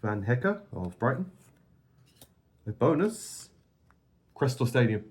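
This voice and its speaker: A playful man co-hosting a card pack opening. His pitch swings around a lot as he calls out each card in a casual, bantering commentary. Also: very animated, slow pace, darkish tone. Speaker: co-host opening football card packs.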